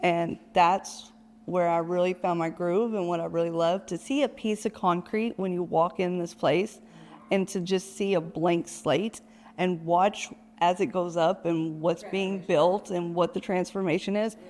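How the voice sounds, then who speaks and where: Enthusiastic woman guest, slightly low voice. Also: steady tone, unhurried, darkish tone. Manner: enthusiastic about her work. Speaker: guest, general contractor. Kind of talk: casual interview chat. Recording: long reverb.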